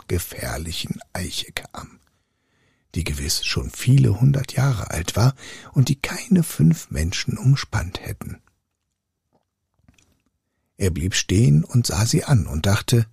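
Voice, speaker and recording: A man reading a fairy tale aloud, slow and highly animated. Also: vocal fry, slightly rough, no echo, studio quality. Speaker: storyteller.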